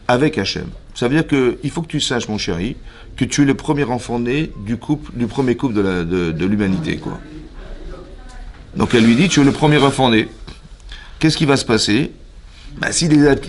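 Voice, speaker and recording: A man, a rabbi giving a Torah lesson to a women's class, who keeps checking that his listeners follow and acts out the characters' words as he explains. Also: mid-range voice. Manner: lively, questions the listeners often.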